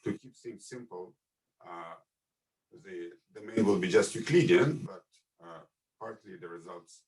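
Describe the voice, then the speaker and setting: A man giving an academic lecture over a video call through a headset, his audio fading and dropping out, measured with frequent pauses. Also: low-pitched, darkish tone, low-quality recording. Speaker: invited speaker.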